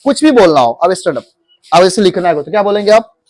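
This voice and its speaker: High-voiced man teaching a class. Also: big pitch swings, fast, a little mellow, no echo. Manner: coaxing, repeats questions to the class. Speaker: English teacher.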